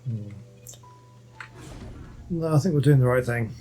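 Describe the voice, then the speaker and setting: A gameplay host comments casually over game music, musing aloud, hesitating and often restarting his sentences. He speaks at a measured pace in a warm, medium-pitched voice.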